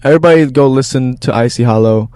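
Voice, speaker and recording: A man hosting a casual podcast, talking fast and loosely with plenty of swearing, recorded outdoors in the evening on a shirt lapel mic. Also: mid-range voice, a little mellow. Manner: fast talker, loose and profane. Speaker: podcast host.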